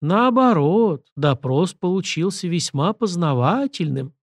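A composed chief of guards who speaks softly but firmly, read by a male narrator. His tone sits a bit high for a man and is recorded close and dry. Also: lively intonation, no room sound, heavily acted. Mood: calm. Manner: measured, soft, commanding. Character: calm authoritative male head of guards. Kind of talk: audiobook character voice.

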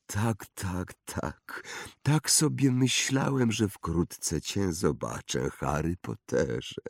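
Eerie old wandmaker for a storybook reading, hushed and slow, higher than the male reader's own voice. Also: vocal fry, breathy edge, no room sound, studio quality, heavily acted. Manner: slow, hushed, drawn-out musing.

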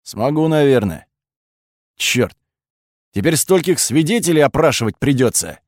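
A man doing a gruff barking colonel. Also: medium pitch, animated, unhurried, no room sound, studio quality. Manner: barking, exasperated. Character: gruff, irritable male security colonel.

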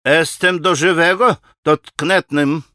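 A man voicing a haughty, touchy Polish gentleman who speaks Russian with a Polish accent in an audiobook. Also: fairly high pitch, steady tone, slow pace, no echo, clean studio sound. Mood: pompous indignant. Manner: pompous, haughty, indignant.

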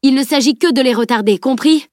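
A woman's voice: high-pitched, a little fast, darkish tone, dry recording, studio quality, pitched above the performer's own voice, natural voice. A woman voicing a tense commanding male warrior leader who barks urgent orders in a storybook reading.

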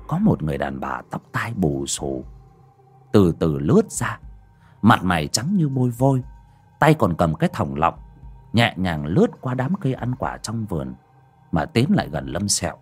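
A man narrating a horror story in a dramatic, animated manner. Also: sits low, moderate pace, pauses often, breathy edge, soft background music. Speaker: audiobook narrator.

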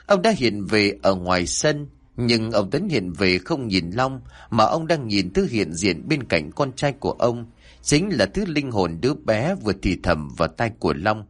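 A man with a low voice tells a ghost story, his pitch rising and falling widely from line to line. The reading is scripted and steady. It never flattens into a monotone. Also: unhurried. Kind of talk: scripted horror story narration.

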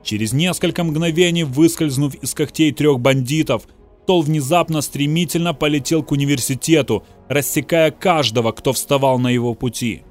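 A man's voice: on the high side, normal speed, faint music behind. A man reading a novel aloud in a dramatic audiobook style, voicing the characters' outbursts. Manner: dramatic, voices the characters' shouts. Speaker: narrator. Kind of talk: audiobook narration.

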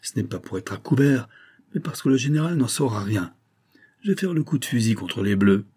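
A man's voice: medium pitch, animated, brisk, warm tone, slightly rough. A man voicing a bold young boy in an audiobook, speaking eagerly and cheekily. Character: bold young boy, a royalist poacher's lad.

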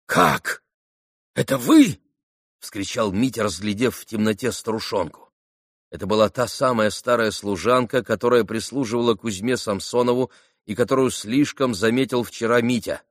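A man narrating a classic novel as an audiobook, reading in an expressive, dramatic way. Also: lowish voice, normal speed, no room sound, studio quality. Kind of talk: scripted narration.

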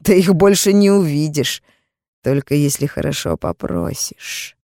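A woman's voice: low voice, moderate pace, vocal fry, darkish tone, dry recording, studio quality. A woman voicing a brutal, menacing man who holds her captive, speaking crudely and threateningly in an audiobook. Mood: sneering. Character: brutal menacing man, a rude jealous captor.

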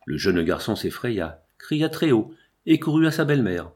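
In a measured, expressive reading, a man with a mid-range voice narrates a classic novel as an audiobook.

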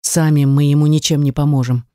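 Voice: medium pitch, level tone, a little fast, mellow, no room sound, studio quality, close to an everyday voice. A reader voicing a coarse, cynical man who swears and speaks curtly in an audiobook. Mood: grim. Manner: curt, swearing, gruff. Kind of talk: audiobook character reading.

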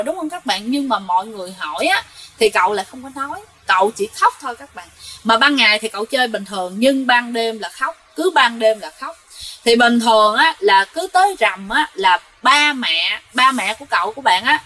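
A woman's voice: a little high, fairly bright tone, low-quality recording. A woman, hosting a channel and telling ghost stories in a chatty way, talking straight to her listeners with lots of fillers. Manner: chatty, talks to listeners directly, many fillers. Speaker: ghost story channel host. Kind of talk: casual ghost-story storytelling.

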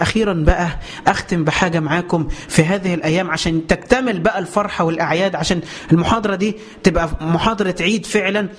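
A man with an Egyptian Arabic accent giving a religious lesson, emotional and emphatic, swearing oaths and speaking straight to his listeners. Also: high-pitched. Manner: addresses listeners directly. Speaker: preacher.

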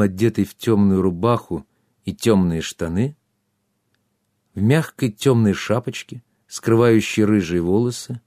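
A man reading a fantasy novel aloud as an expressive audiobook narrator. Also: lowish voice, no echo, clean studio sound. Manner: expressive, acts out all characters.

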